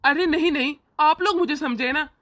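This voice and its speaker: A doting older brother reassures and indulges his sister, played by a woman. The voice is high and bright. It is a homemade family drama. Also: moderate pace. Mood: indulgent.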